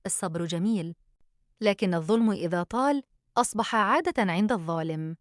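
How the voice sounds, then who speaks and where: A caring, protective sister, played by a woman narrator. She speaks calmly and gently, yet firmly. The voice is mid-pitched and dry. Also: fairly quick, no echo, close to an everyday voice. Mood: gentle, concerned. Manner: calm and gentle.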